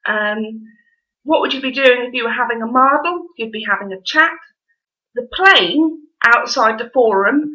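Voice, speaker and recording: Norfolk woman, bright forward voice, higher pitch, informal teacherly presenter, dull lo-fi recording. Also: moderate pace. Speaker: dialect society presenter and quiz host. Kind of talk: informal presentation with quiz questions. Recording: dull, lo-fi audio.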